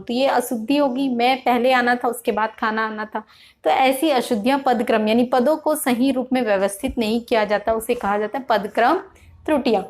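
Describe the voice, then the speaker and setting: A woman teaching an online grammar lesson, explaining patiently, repeating words slowly to stress their spelling, often checking in with "theek hai". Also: high voice. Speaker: Hindi teacher. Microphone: computer or phone mic, online class.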